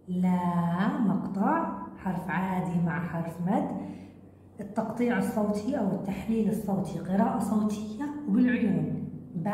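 A woman teacher giving a children's reading lesson, sounding out words slowly syllable by syllable. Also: mid-range voice, warm tone, a little hiss or hum. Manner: slow, drawn-out syllable-by-syllable sounding out. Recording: echoey room with long reverb.

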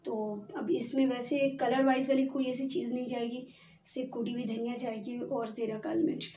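In a noisy kitchen captured with a distant, echoey sound, a home cooking host explains each step at a gas stove in a casual, chatty way, frequently saying "theek hai." Her mellow voice sits on the high side with little pitch movement, and she talks fairly quickly.

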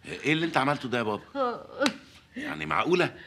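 An actor with an Egyptian accent playing an animated, pleading grown son in a sitcom. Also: male voice, mid-range voice, very fast, slight background noise. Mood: excited. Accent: Egyptian Arabic. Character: excitable grown son mediating a family fight. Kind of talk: sitcom acting.

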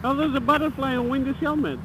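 A man's voice: very high-pitched, fairly even intonation, fast, heavy background noise. A man riding a motorcycle in a group, bantering bluntly and swearing over a helmet intercom. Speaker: fellow rider. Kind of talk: casual chat between riders. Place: riding a motorcycle outdoors on roads. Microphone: helmet bluetooth intercom.

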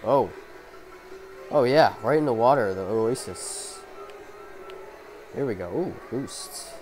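A man's voice: mid-range voice, lively intonation, slow, darkish tone, faint music behind. A young man, sick and coughing, giving casual, profane, rambling commentary over a racing game from his bedroom on a headphone mic. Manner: profane, rambling, self-mocking. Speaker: gameplay commentator.

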